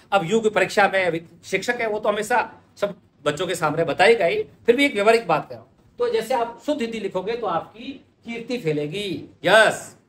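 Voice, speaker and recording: A man with a high voice teaches spelling to his students and repeats each word as he writes it. The room rings with echo and a faint hum sits underneath. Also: fairly bright tone. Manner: conversational, repeats words while writing. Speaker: Hindi teacher. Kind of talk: spelling lesson at a board. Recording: echoey room with faint ambient noise.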